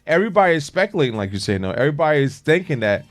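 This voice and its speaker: A man's voice: a little high, sing-song, racing. A man co-hosting a morning radio show in casual DJ chat, repeating phrases as he builds his point. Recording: music playing behind. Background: music.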